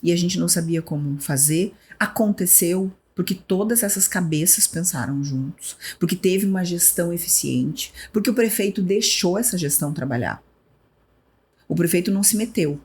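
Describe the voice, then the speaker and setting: A woman, a former health official, telling animated stories in a podcast interview and acting out remembered conversations. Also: fairly low pitch, moderate pace, slightly rough. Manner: animated storyteller who acts out remembered dialogue. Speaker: guest, former municipal health secretary.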